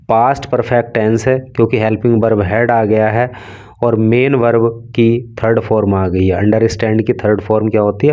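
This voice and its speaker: A man's voice: mid-range voice, a little mellow. A man teaching English from a newspaper, reading phrases in English with an Indian accent, then explaining them in Hindi and asking rhetorical questions. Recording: dull lo-fi sound.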